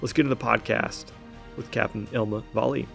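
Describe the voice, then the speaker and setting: A man's voice: medium pitch, steady tone, fairly quick, gravelly, fairly bright tone, faint music behind. A man with a Southern American accent hosts a podcast and asks questions in a friendly, easygoing way. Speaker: podcast host, Air Force recruiter. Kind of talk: casual podcast interview.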